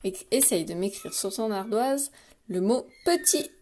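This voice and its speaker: A woman teacher giving a spelling dictation to young children, speaking slowly and pronouncing each syllable with care. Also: mid-range voice, lively intonation, mellow, slight background noise. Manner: slow, carefully articulated, patient; repeats words and stresses syllables for spelling. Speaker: primary school teacher.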